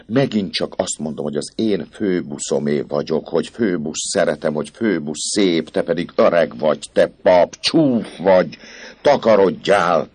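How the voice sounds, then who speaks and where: A man voicing a defiant young woman who shouts fierce, scornful words in a storybook reading. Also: deep voice, lively intonation, husky, pitched above the performer's own voice.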